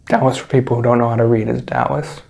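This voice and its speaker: A man's voice: medium pitch, little pitch movement, fast, vocal fry, darkish tone. A man with an ordinary mid-range voice runs a casual movie chat. He teases his co-host and jokes his way through the plot summary. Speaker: podcast co-host.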